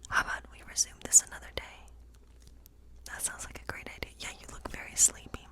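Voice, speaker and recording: In this ASMR role play, the performer is a benevolent witch doing tarot readings inside her woodland cottage. She whispers breathily and gently, reassuring the listener in a slow, calming way.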